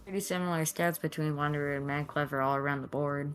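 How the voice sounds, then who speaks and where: A woman co-commentating an esports match live, giving easygoing quick play-by-play calls. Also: sits low, steady tone, soft background music.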